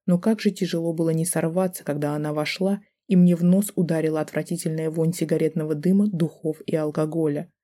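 A man reads a dramatic audiobook in the first person. His tone is dark and mellow. He keeps the delivery tense, brooding and measured. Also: a little high, little pitch movement. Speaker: audiobook narrator. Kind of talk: first-person scripted narration.

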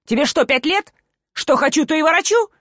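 A woman's voice: high-pitched, expressive, a little fast, dry recording, pitched above the performer's own voice. Female narrator doing a stern, worn-out man who scolds harshly, audiobook reading, dry close sound. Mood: angry scolding. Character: stern tired man scolding a young woman.

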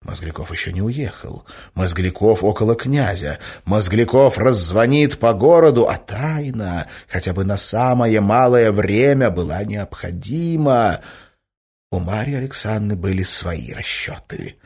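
A man's voice: lowish voice, expressive, unhurried, a little mellow, slightly rough. A man reading classic literary prose aloud as an audiobook narrator, with dramatic expression.

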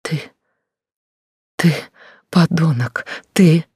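A man's voice: fairly high pitch, extremely slow, a little mellow, husky, no echo, studio quality, voice pushed up, exaggerated voice. A man voicing a heartbroken young woman. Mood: hurt desperate. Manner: raised, tearful, pleading voice.

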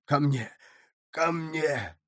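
A man's voice: on the high side, extremely slow, a bit bright, no room sound, clean studio sound. A man voicing a desperate young male villain drowning and pleading for help, with breaking cries.

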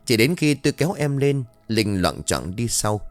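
A man narrating a ghost story in an expressive, lively way from a script. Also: medium pitch, normal speed, faint music behind.

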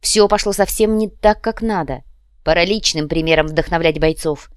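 Low-voiced woman reading an audiobook. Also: normal speed, clear, resonant tone, no room sound, studio quality. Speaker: audiobook narrator. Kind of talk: audiobook narration of urban fantasy.

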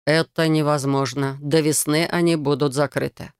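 A woman voicing a calm, patient young male prince mage who speaks in a soft, even, condescendingly gentle tone. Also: low voice, normal speed, clear, resonant tone, no room sound, clean studio sound.

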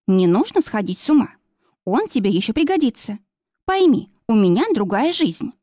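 A woman reading an audiobook, voicing a young heroine who is emotional and pleading, her voice pitched higher and tense. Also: sing-song, normal speed, dark tone, dry recording, clean studio sound. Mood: upset. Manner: high, agitated and pleading.

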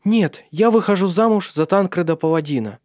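A man's voice: high voice, normal speed, a little mellow, dry recording, studio quality, pitched above the performer's own voice, natural voice. A man voicing an anxious, tender young woman in love, with trembling pleas, in an audiobook. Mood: emotional.

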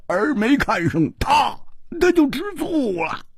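A storyteller voicing a boisterous, excitable male swordsman who shouts and climbs high. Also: takes it slowly, vocal fry, breathy edge, no room sound, clean studio sound, full character voice. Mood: gleeful. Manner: shouting, rising high and loud.

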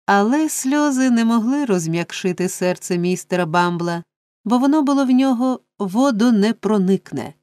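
A woman narrating a classic novel as an audiobook, measured and expressive. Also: medium pitch, dry recording, studio quality. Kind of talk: scripted literary narration.

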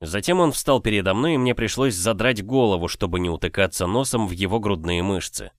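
A man narrating a first-person novel in a measured, expressive reading. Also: fairly low pitch, dry recording, studio quality. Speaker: audiobook reader.

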